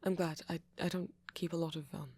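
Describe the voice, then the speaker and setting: A British-accented man, his voice a little high with an even tone, performs a shy young vampire for an intimate ASMR roleplay. Flustered and nervous, he stammers apologetically in a soft, breathy voice that often nears a whisper.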